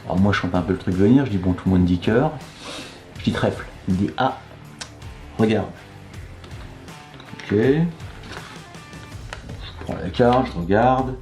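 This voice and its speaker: A man's voice: lowish voice, a little slow, long pauses, a little mellow. A man presenting a trick by telling, casually and wryly, how it was played on him, sounding unimpressed. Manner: dry, wry, unimpressed retelling. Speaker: magic dealer presenting a trick. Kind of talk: casual storytelling. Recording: echoey room with faint music.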